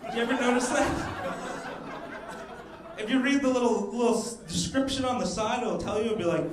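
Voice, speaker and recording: A young man doing a stand-up comedy set on a club stage, mixing crowd work and quick asides, speaking into a handheld mic. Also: very high voice, background noise. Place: comedy club stage before a live audience. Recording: roomy live club sound with audience laughter.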